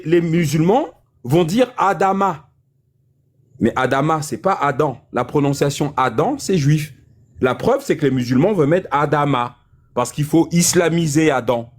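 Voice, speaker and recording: Man, high voice, insistent, lecturing, heated debate. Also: a little mellow. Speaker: debate speaker.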